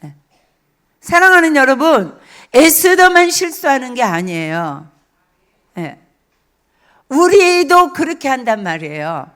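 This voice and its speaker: A middle-aged woman preaching a lively sermon, telling stories and acting out quoted speech, repeating phrases for emphasis. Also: high-pitched, measured pace, pauses often.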